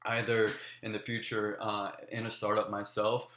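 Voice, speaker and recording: A man's voice: lowish voice, monotone, moderate pace, a bit bright, roomy sound, slight background noise. Earnest young man with many ums. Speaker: graduate student applicant. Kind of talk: video application pitch.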